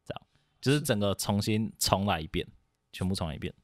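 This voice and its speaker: A man's voice: fairly low pitch, expressive, fast, dry recording, studio quality. A young man from Taiwan talking casually as a podcast guest, rambling and hesitant, with many fillers and restarts. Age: young adult. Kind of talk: casual chat.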